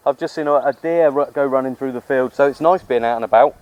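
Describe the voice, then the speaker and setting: Speaking fast in a medium-pitched, darkish voice, this amateur radio vlogger chats informally outdoors on a hill with friendly slang. His audio is muffled, and the outdoor noise behind him comes through clearly.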